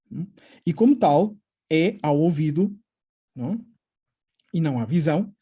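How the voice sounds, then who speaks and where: A middle-aged literature professor lectures on poetry in a husky, mellow voice that sits on the high side. He frequently tacks on tag questions and hesitant fillers, and reads quotations slowly.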